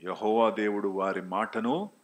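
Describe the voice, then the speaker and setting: A man preaching a sermon, often asking the congregation questions and mixing in English phrases. He swings from loud, high exclamations to low, quiet asides. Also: fairly even intonation, unhurried. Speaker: pastor.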